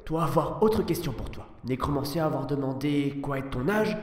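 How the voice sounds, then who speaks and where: A man's voice: medium pitch, lively intonation, normal speed, a little mellow, lightly acted. A man voicing a simple-minded caveman who speaks in broken third person and refers to himself by name. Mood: grunting, eager. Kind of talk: role-play character voice. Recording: echoey room with long reverb, far from mic.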